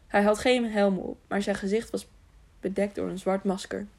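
An audiobook reader narrates a script in a gravelly, creaky voice pitched mid-range for a woman, with a steady, somewhat dark tone at a moderate pace. She often trips over words and goes back to fix them.

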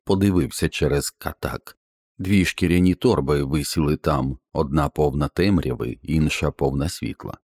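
A man reading an audiobook in measured storytelling narration. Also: a bass voice, a little mellow, no echo, clean studio sound.

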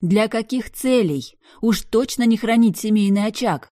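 A woman acts out a sharp-tongued young heroine, furious and defiant. She snaps and shouts back, loud and fierce, and the sound is close and dry. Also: fairly low pitch, expressive, moderate pace, no room sound. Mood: angry defiance.

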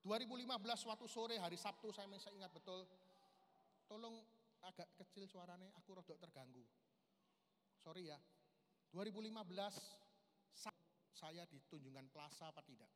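A man in his 40s, a lay preacher, delivers a moving testimony in a large, echoing men's camp hall with faint noise in the background. Speaking at a moderate pace and pausing often, he shifts from loud, high-pitched bursts to quiet, low passages and keeps addressing listeners as brothers.

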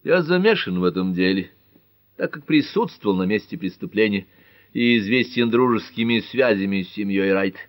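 A dry, unflappable old judge from a detective audiobook, voiced by a man. He speaks low and matter-of-fact, waving off fuss, with a close, dry sound. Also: lively intonation, moderate pace, no room sound, natural voice. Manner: dry, dismissive. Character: elderly dry-witted male judge.

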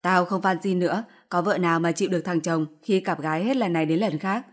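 A woman's voice: lowish voice, fairly even intonation, moderate pace, natural voice. A woman voicing a fierce older mother-in-law who scolds harshly in a storybook reading. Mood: furious scolding.

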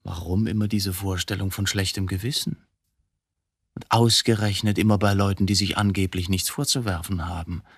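This radio drama actor plays a philosophical, coolly provocative man who confessed to killing his wife, posing one probing rhetorical question after another at a deliberate pace. The voice is low-pitched, steady and slightly rough, captured in studio quality with no room sound. His mood is cool and defiant.

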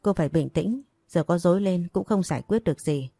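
Woman reading a calm male policeman. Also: fairly low pitch, fairly quick, husky, dry recording. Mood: reassuring. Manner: reassuring and matter-of-fact.

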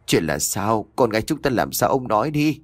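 A man's voice: on the low side, sing-song, moderate pace, no room sound. A man voicing a frightened, tearful old mother in a storybook reading. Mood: anxious. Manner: anxious, wailing.

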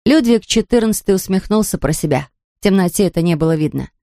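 A woman reads a children's story aloud in a calm, even way. Her voice is dark and mellow, and the recording is dry and close with no room around it. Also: mid-range voice, fast talker, no echo. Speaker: audiobook narrator. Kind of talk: storybook reading.

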